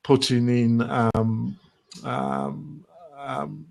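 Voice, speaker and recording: English male host, mid-pitched, sardonic and rambling, plenty of ums. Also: fairly even intonation, very slow, gravelly, a little mellow. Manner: sardonic, filler-heavy questioning. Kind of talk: casual panel discussion.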